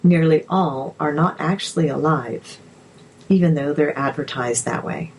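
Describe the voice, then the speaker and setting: A woman narrator reading articles aloud in a measured, steady way. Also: low-pitched, a little hiss or hum, low-quality recording.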